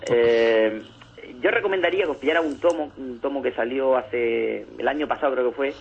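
A man co-hosting a radio show, casually retelling a comic with lively acted-out lines. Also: medium pitch, brisk, creaky, a little hiss or hum. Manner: animated storyteller, acts out comic scenes. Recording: lo-fi phone-like radio sound.

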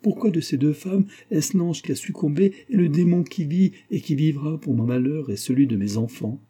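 A man's voice: fairly high pitch, normal speed, dark tone, husky, voice pushed up. A man playing a grieving middle-aged father, bitter and despairing, speaking in an impassioned, anguished way.

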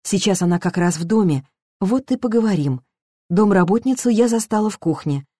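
A woman narrating a first-person story in a measured, reflective way. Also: medium pitch, lively intonation, warm tone, dry recording, studio quality. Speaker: audiobook narrator.

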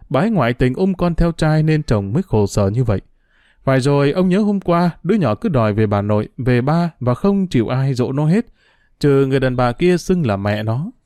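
A male narrator reads a story in a steady, measured voice. His tone is warm and mellow, and the recording is dry and close with no room sound. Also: medium pitch, no echo. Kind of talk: audiobook story reading.

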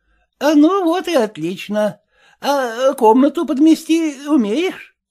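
A woman voicing a kindly, practical household cook who instructs gently and coaxingly. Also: high voice, animated, slow pace, voice pushed up.

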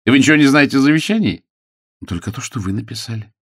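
A man voicing a composed young woman who answers quietly and briefly, in an audiobook reading. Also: medium pitch, expressive, husky, no room sound, clean studio sound, pitched above the performer's own voice. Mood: cool. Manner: quiet, short, measured replies.

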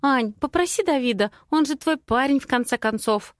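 A woman reader voicing a chatty, cautious young female friend who talks quickly in rising questions. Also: sits high, expressive, no room sound, clean studio sound, pitched above the performer's own voice. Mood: lively chatter.

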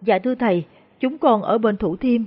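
A woman's voice: on the high side, moderate pace, lightly acted. A frightened peasant woman, voiced by a female storyteller stammers humbly in a voice. She sounds deferential and anxious. The recording is dull and lo-fi. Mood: anxious pleading.

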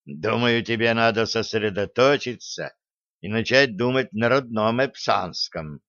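A man voicing a tough, phlegmatic male admiral in a sci-fi audiobook, speaking calmly and gruffly. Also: fairly low pitch, a little slow, no echo. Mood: dry. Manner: calm, gruff, dry. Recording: dull lo-fi dry recording.

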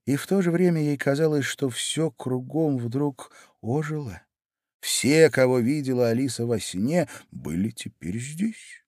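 A man narrating a storybook in a scripted reading, expressive and measured. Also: mid-range voice, no echo, clean studio sound.

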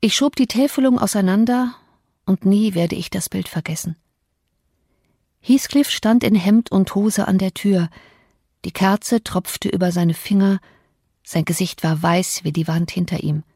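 A woman reading a classic novel as an audiobook narrator, measured and dramatic, on a close studio mic. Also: medium pitch, dark tone, no room sound.

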